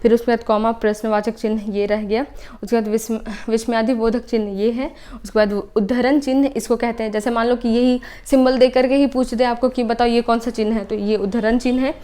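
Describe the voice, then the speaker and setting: A woman's voice: a little high, steady tone, brisk, dark tone. Woman teacher explaining step by step. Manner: explains step by step, repeats points, often adds "ठीक है". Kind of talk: online exam-prep lesson.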